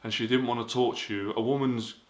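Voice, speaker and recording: A man's voice: mid-range voice, steady tone, fast talker. A man giving casual dating advice in an earnest, repetitive way, full of fillers. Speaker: dating coach.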